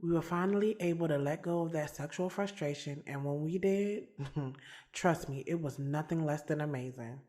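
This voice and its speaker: This woman's voice is low, mellow and natural, moving at an ordinary speed. As narrator and lead of an audio drama series, she voices a bold, frank, strong-willed schoolteacher who confides the details of her love life in slangy, streetwise first-person narration.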